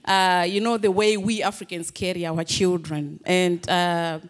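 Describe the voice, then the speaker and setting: A woman's voice: on the low side, steady tone, a little slow. A woman in her forties from Zimbabwe, telling a rambling personal story at a public panel, laughing often. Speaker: audience member. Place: large hall with an audience. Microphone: handheld microphone.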